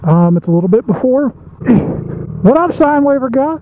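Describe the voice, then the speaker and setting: A man giving excitable, joking commentary to his viewers while riding a small motorbike through town traffic, recorded outdoors on the road. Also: very high-pitched, moderate pace. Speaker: motovlogger. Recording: dull muffled sound with loud road and wind noise. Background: traffic and engine noise.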